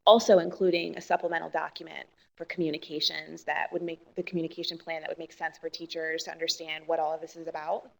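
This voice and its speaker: A woman's voice: deep voice, little pitch movement, quick pace, gravelly, few pauses, rough recording. A woman on the board staff explaining plans at a formal meeting and correcting herself as she goes.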